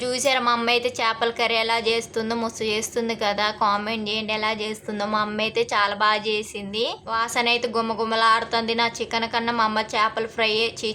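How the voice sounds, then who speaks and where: A woman's voice: on the high side, sharp tone, slight background noise. A young woman narrating her home cooking vlog in a chatty, rambling way. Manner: chatty, rambling, fast-talking. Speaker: vlogger.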